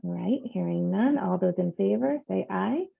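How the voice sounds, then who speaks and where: A woman's voice: mid-range voice, lively intonation, normal speed, gravelly, husky. A woman chairing a public board meeting on a video call, running through the agenda with many fillers. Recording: tinny phone-like line.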